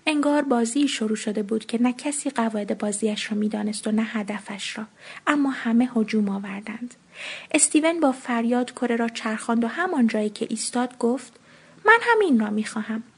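A woman narrating a short story in an expressive reading voice, lifting her pitch when she speaks the children's lines. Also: vocal fry, husky.

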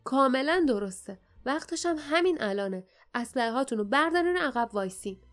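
A seasoned guard speaks firmly and decisively in a fairly high, plain voice. A woman reads him as part of an audiobook. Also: animated, soft background music. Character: sturdy, steady grown man, a seasoned guard.

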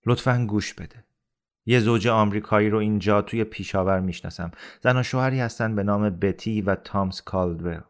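A man voicing a calm, dying older man, pleading. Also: on the low side, lightly acted. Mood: earnest, pleading. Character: dying older man, gentle, persuasive family friend.

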